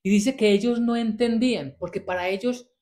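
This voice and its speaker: A man's voice: high-pitched, a little mellow. Earnest male preacher, emphatic pleading delivery. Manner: earnest, slow emphatic phrasing with pleading repeated prayers. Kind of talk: sermon expounding a Bible passage.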